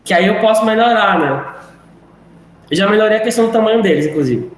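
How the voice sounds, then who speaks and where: A male teacher closes out a live online class, his high, expressive voice moving quickly as he rambles and chats, poking fun at himself along the way. The room is very echoey, with faint noise underneath.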